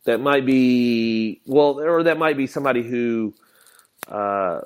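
A man's voice: mid-range voice, slow pace, clear, resonant tone. A man co-hosting a casual comics news podcast, mostly giving short agreeing replies. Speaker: podcast co-host.

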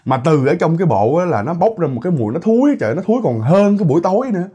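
Fast, husky storyteller. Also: male voice, fairly high pitch. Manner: animated, chatty, frequent exclamations and tag particles. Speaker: horror story narrator. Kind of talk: casual spoken storytelling to listeners.

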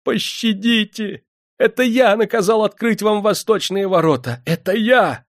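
Brief: man voicing a groveling clerk, shrill and high, wails and begs, dry close read. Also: expressive, moderate pace, dry recording. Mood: pleading. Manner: pleading, wailing. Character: terrified tearful male clerk, groveling.

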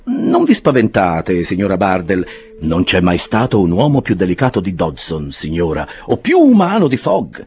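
A man reading an audiobook, voicing a smug young law clerk with falsely polite, drawn-out phrasing. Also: sits low, wildly swooping pitch, a little mellow.

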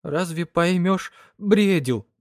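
A man voicing a tearful older peasant woman who laments in a high, sobbing voice. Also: slow pace, a little mellow, dry recording, studio quality.

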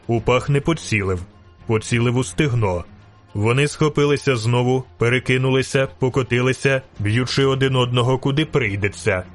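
A man narrating a fantasy audiobook with steady, vivid storytelling. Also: medium pitch.

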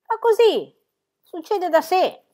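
A woman's voice: extremely high pitch, sing-song, slow, warm tone, voice pushed up, exaggerated voice. A woman voicing a curt, offhand young goatherd boy in a storybook reading.

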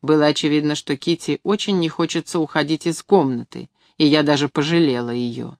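Calm woman reading a novel aloud. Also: sits low, a little fast, dry recording. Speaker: audiobook reader. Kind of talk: scripted narration.

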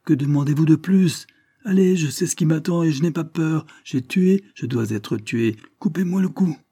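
An audiobook reader playing an enraged prisoner in his thirties, shouting his confession defiantly. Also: lowish voice, animated, normal speed, breathy edge. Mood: raging.

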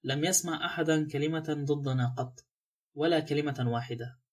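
Deferential male butler, read by a man, quiet, nervous, respectful, audiobook. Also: on the high side, moderate pace, lightly acted.

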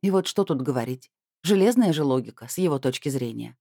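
A woman's voice: very deep voice, animated, brisk, mellow, no echo, studio quality. A woman narrating a first-person novel in a wry, conversational storytelling manner. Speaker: audiobook narrator.

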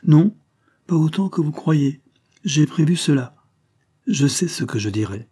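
A man voicing a tense, brusque police agent who speaks hard and urgent, raising his pitch above his narrating voice. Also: lively intonation, a little slow, warm tone, slightly rough. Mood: brusque, intense.

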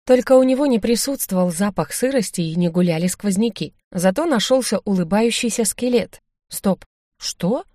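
A woman narrating a fantasy audiobook in first person with lively, expressive delivery. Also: medium pitch, fairly quick, few pauses, no room sound, clean studio sound.

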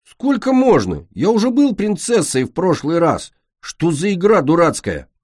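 A man's voice: sits high, huge pitch swings, moderate pace, a little mellow, slightly rough, dry recording, studio quality, voice pushed up, full character voice. A man voicing a sulky young male dragon who grumbles about his part. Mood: annoyed. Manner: grumbling, complaining.

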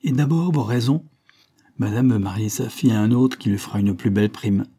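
A man's voice: fairly low pitch, brisk, warm tone, breathy edge. A man voicing a stout, sullen middle-aged businessman who grumbles, in an audiobook reading. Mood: grumpy.

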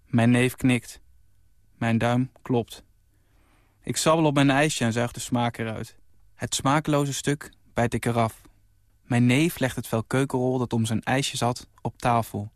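A man in his twenties reading his own short story aloud on radio, in a calm and even storytelling voice. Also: mid-range voice, measured pace, no room sound, studio quality. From Netherlands. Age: 20s.

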